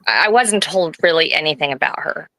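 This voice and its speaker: A nervous woman in her late twenties, an interview guest who talks in a halting way, with many restarts. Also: deep voice, expressive, vocal fry, bright, forceful tone, no room sound, low-quality recording. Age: 20s. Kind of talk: personal interview.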